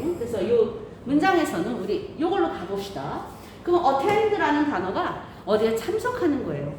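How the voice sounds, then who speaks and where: A woman teacher explaining a lesson through a face mask, often asking questions and answering them herself. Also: sits high. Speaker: English grammar teacher. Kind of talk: explanatory lesson, questioning the students as she goes. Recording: very echoey room, clear background noise.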